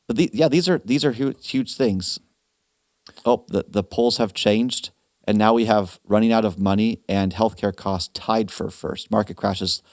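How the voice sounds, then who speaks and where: A man hosting a retirement planning webinar, talking casually with animated asides and quick restarts. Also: fairly low pitch, dry recording, studio quality. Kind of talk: casual advice talk.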